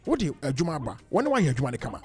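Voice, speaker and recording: A Ghanaian man hosts a lively radio call-in debate at a quick clip, his fairly high voice swinging widely in pitch. He cuts in and hammers phrases by repeating them. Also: soft background music. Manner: animated, interrupting, repeats phrases emphatically. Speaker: radio show host.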